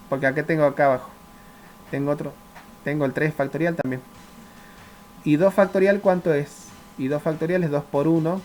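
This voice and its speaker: A man's voice: fairly high pitch, a little hiss or hum. Patient male math teacher lecturing. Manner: works step by step, often checks understanding with the class; asks questions and answers them himself. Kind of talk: classroom lecture.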